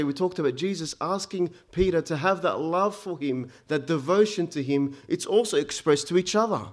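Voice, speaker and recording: Emphatic preacher born in Egypt. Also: male voice. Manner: emphatic, rising to loud peaks then dropping low; frequent stammered restarts. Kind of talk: sermon.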